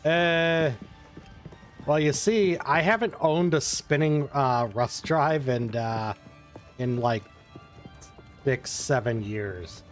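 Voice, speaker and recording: Male streamer, mid-pitched, loose rambling chat over game music. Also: slow pace, long pauses. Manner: rambling, talks around answers to chat questions. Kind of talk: casual live-stream chat.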